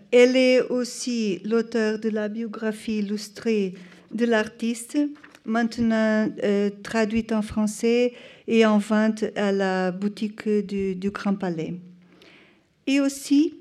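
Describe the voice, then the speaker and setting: A woman's voice: medium pitch, mellow. A woman gives an informal introduction in French, hesitantly searching for her words. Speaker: presenter introducing a speaker.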